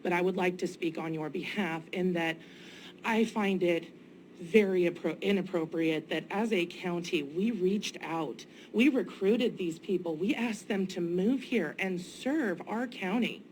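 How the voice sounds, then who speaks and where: A woman's voice: on the low side, measured pace, a little mellow. A woman delivering a formal, emphatic public comment at a meeting. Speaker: citizen giving public comment at a county meeting. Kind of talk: impassioned public statement. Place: indoor public meeting room. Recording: noisy meeting room ambience.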